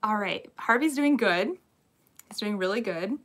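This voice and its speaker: A woman's voice: medium pitch, animated, a little slow. A young woman hosting a live Q&A from home on her phone, nervous and giggly as she greets viewers by name. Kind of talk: casual live-stream chat.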